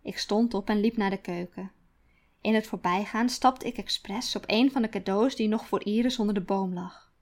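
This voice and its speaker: A woman author reading her own first-person story aloud, quiet and deliberate. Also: medium pitch. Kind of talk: storytelling narration.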